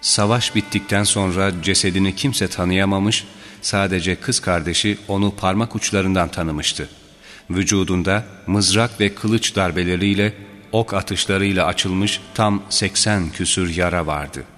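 Deep-voiced man reading solemn religious history. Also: fairly even intonation, a little slow, fairly bright tone. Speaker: narrator. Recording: reverberant with faint background music.

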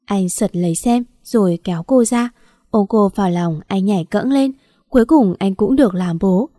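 A woman reads a story aloud in an even, measured way. Her voice is dark and mellow at a middle pitch, and the recording is dry and close with no room sound. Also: no echo. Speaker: story narrator. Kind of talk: scripted story narration.

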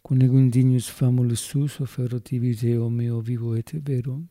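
A man's voice: medium pitch, little pitch movement, dark tone, no room sound. A man, a priest, solemnly reciting Latin Mass prayers and reading the Gospel aloud in Spanish. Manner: slow, solemn intoning.

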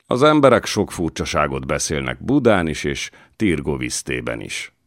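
Brief: sly scheming old voivode, insinuating, deep-voiced storybook figure, read by a man. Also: very animated, no echo, clean studio sound, exaggerated voice.

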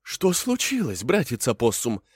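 A man's voice: mid-range voice, wildly swooping pitch, measured pace, breathy edge, dry recording, pitched above the performer's own voice, heavily acted. A fussy, self-important old male fox talks in a raised, bossy way, as a man voices him. His delivery swings widely up and down like a storybook judge. The recording is dry and close. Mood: questioning. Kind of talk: storybook reading.

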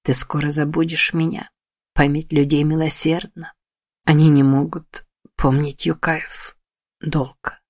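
A woman's voice: deep voice, flat delivery, unhurried, dry recording, clean studio sound. Woman voicing a faint dying male fox spirit. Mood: faint tender. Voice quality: faint, breathy. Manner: soft, tender, fading.

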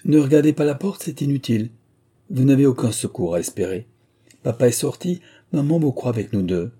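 A man's voice: mid-range voice, animated, brisk, warm tone, slightly rough, pitched above the performer's own voice. A man voicing a self-assured young woman who teases in a playful, mock-stern way, reading from a storybook. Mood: teasing.

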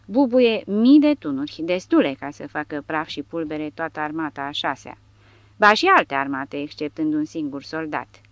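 A big, brash soldier , voiced by a woman narrator, boasts and growls threats. The tone is low, on a dull lo-fi recording. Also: animated, dry recording. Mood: boastful.

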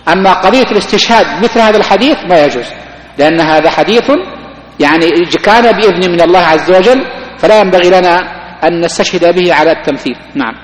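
A man, a sheikh, giving a mosque lesson on creed, explaining slowly with many restarts. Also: sits high. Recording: echoey mosque hall recording.

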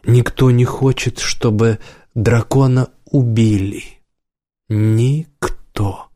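A man voicing a drunk former stage actress in an audiobook, speaking in a dramatic, breathy, husky way that shifts between loud whispers and wistful musing. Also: fairly even intonation, slow pace, no echo, studio quality, lightly acted. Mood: wistful, tipsy. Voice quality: low husky laugh, breathy hot whisper. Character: tipsy former stage actress, woman, theatrical.

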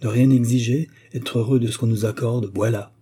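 A man's voice: medium pitch, steady tone, fairly quick, mellow, breathy edge, natural voice. A man reading the part of a smug, married middle-aged notary who presses his suit with cajoling questions. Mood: wheedling.

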